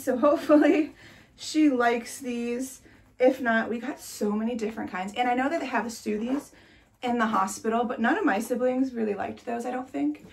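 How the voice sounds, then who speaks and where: Talking casually to the camera in a nursery room, this twenty-something vlogger sounds congested and chatty, laughing lightly and saying "like" a lot. She has a fairly high, gravelly voice.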